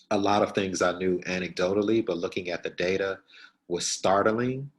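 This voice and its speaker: A man with a very low voice gives a keynote to new school principals. He speaks directly and earnestly, circling back to repeat the points he wants to land. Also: fairly bright tone, rough recording. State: out of breath.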